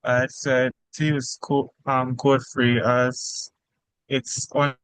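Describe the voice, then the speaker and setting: A man's voice: medium pitch, flat delivery, slow pace, fairly bright tone, clear, resonant tone, no room sound, rough recording. Guy answering in online class, audio choppy and dropping out, lots of ums, clean dry sound. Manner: hesitant, with many fillers and restarts. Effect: choppy audio dropping in and out over a bad internet connection. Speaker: student.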